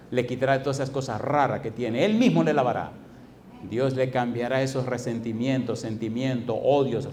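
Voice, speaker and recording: A man, a pastor with a Puerto Rican Spanish accent, preaching an evangelistic sermon with an altar call, swinging between loud pleading and hushed tones. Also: mid-range voice. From Puerto Rico.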